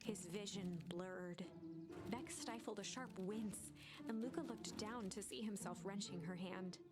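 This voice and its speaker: A woman's voice: mid-range voice, fairly even intonation, a little slow. Woman narrating a storybook game. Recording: loud game music under voice.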